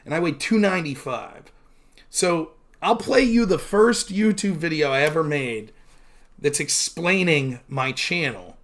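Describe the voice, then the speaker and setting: A man's voice: a little high, expressive, measured pace, a bit bright. A man in his thirties, chatting candidly on his own stream, rambling with many fillers and poking fun at himself. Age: 30s. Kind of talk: casual solo stream chat.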